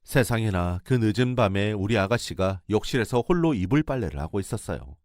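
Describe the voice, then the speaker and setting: A man's voice: fairly low pitch, lively intonation, a little fast, a little mellow, dry recording, clean studio sound. A man narrating a radio drama story in the first person, with dramatic storytelling.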